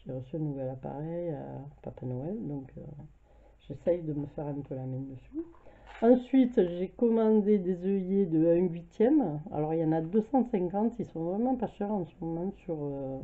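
Recorded at home on a camera mic that sounds tinny and phone-like, a French woman with a cold presents her craft haul in a casual video. Her voice is fairly low at a moderate pace; she coughs, chats a lot, and hesitates with many fillers.

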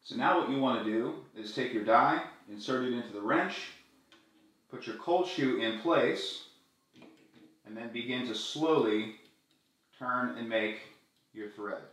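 A middle-aged man hosting a gear tutorial, walking through each step in a friendly, clear way. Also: medium pitch, measured pace, long pauses, a bit bright. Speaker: video tutorial host. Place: small room indoors, echoey. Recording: very echoey room.

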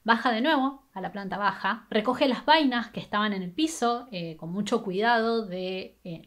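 A young woman with an Argentine Spanish accent tells a true crime story in a casual, conversational way while doing her makeup, dropping "eh" and "¿no?" along the way. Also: mid-range voice. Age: young adult. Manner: conversational, brisk, with filler "eh" and "¿no?". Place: small bedroom indoors. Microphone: webcam or camera at desk distance.

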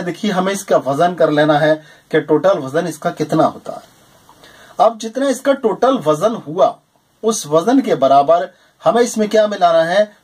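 A man's voice: fairly high pitch, breathy edge. A man in his forties animatedly explaining a herbal home remedy to viewers, with frequent emphatic affirmations, recorded at desk distance in a small room. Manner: animated and emphatic, with repeated "jī hāṃ" and "ṭhīk hai". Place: small indoor room lined with shelves of medicine bottles.

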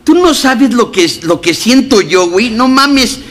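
A woman's voice: on the high side, lively intonation, unhurried, voice pushed up. A man voicing his exasperated girlfriend, who scolds and pleads with him and swears. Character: exasperated young woman, fed-up girlfriend.

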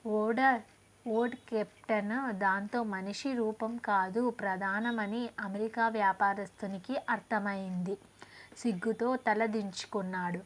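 A woman reading moral stories aloud to her channel in a measured, storytelling manner. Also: mid-range voice.

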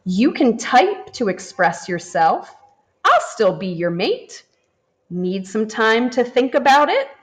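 A woman's gentle, unhurried voice rises and falls expressively as she reads a picture book to kids in a teacher's style, staying warm and animated throughout. The view is from a camera over the book, with hands turning the pages.

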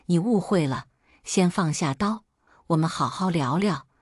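A woman doing a calm, protective male doctor in an audiobook, speaking steadily and reasonably. The voice sits low and is recorded dry and close. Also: a little slow, husky, dry recording. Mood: pleading.

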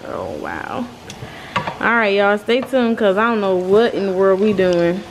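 A young woman vlogger chatting loudly and playfully while cooking in a home kitchen, teasing her mom. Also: mid-range voice, animated, measured pace. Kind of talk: casual cooking vlog chat. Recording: noisy kitchen with frying sizzle.

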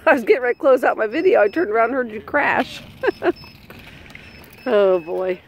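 A woman's voice: on the high side, animated, moderate pace, low-quality recording. A middle-aged woman filming a casual family vlog outdoors on a handheld phone, chatty, laughing often and calling out to the kids. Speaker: family vlogger. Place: outdoors on a neighborhood walk.

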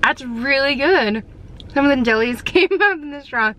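Vlogger, woman, slightly high, chatty and rambling, handheld camera, casual to-camera talk. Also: normal speed, slight background noise. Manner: chatty and lively, rambling with fillers. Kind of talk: casual vlog chat to camera. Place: outdoors and in her car on a hot day.

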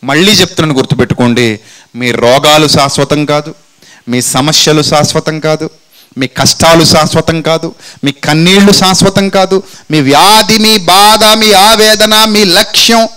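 A man preaching a sermon who asks his listeners questions and answers them himself, acting out people's words in dialogue and dropping to low, slow phrases for effect. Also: bright, forceful tone, clear, resonant tone, poor audio.

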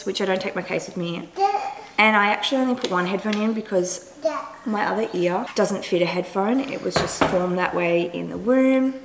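A young woman chats casually to camera in a home kitchen. Her voice sits at a middle pitch, with roomy echo and clear noise around it. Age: young adult. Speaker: running vlogger. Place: indoors, bright home kitchen. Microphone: camera a couple of metres away.

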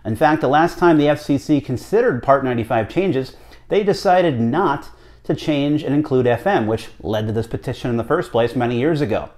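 Speaking indoors from his small home office, this radio hobbyist vlogger is an American man in his thirties. His mid-range voice is slightly mellow, animated and brisk as he delivers emphatic, chatty remarks to camera, frequently tossing out rhetorical questions.

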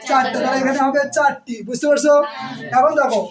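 A crowd can be heard behind this poor-audio clip of a male teacher giving exam-prep grammar instruction. His very high-pitched voice keeps a steady tone as he asks students questions, answers them on his own, and slowly repeats words syllable by syllable.

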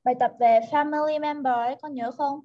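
A woman's voice: high-pitched, steady tone, fairly quick. Patient woman tutoring over a video call. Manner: patient, correcting pronunciation word by word. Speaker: English tutor. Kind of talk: online English lesson, mixing Vietnamese and English. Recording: dull lo-fi video call audio.

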